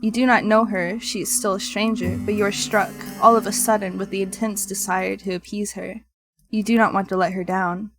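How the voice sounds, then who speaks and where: A woman's voice: mid-range voice, little pitch movement, fairly quick, music in the background. A woman streamer reading a visual novel aloud in literary narration, with playful casual asides.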